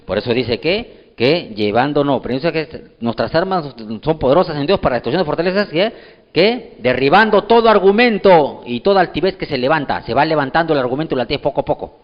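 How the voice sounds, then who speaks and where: A man's voice: on the high side, fairly quick. Pastor guy preaching, voice jumping all over, kinda muffled in a big echoey hall. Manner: animated storytelling preacher, voicing dialogue in his story. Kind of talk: sermon.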